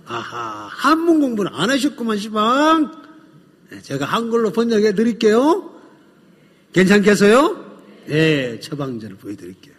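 A man telling a story to an audience in an animated, drawn-out way, often turning to his listeners. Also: sits high, breathy edge, long reverb tail. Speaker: speaker.

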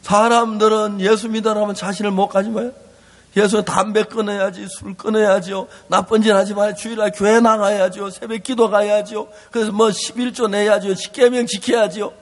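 A male pastor delivers a fervent sermon in a very high voice. His delivery surges into loud, pleading cries and then drops to soft, low passages. The sound carries the long reverb of a large church hall. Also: level tone, a little fast. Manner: impassioned, swings between loud cries and hushed low tones.

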